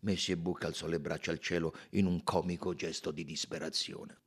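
A man narrating a novel as an audiobook, measured and expressive. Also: deep voice, husky. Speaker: audiobook reader.

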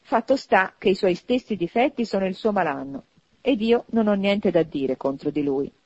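A woman voicing a cheerful, hearty young man in a storybook reading, loud and animated. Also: medium pitch, moderate pace, husky, no room sound, lo-fi sound. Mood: good-humoured. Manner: loud exuberant laughter, animated.

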